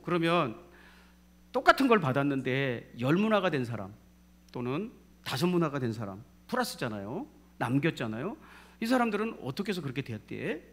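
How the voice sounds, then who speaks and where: A middle-aged man with a Jeolla Korean accent preaching a sermon, calling out for amens and swinging from loud to hushed. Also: a little high. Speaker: pastor.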